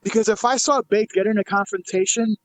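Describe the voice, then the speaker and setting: A man's voice: sits high, brisk, poor audio. A man, a streamer, telling a story in casual chat, swearing freely and acting out what people said. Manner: profane, animated, acts out quotes. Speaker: guest, streamer.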